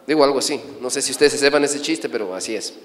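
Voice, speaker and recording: A middle-aged priest preaching a sermon, telling stories and questioning the audience. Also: male voice, mid-range voice, quick pace, a bit bright. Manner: storytelling, asks the audience questions. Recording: echoey hall from a distance.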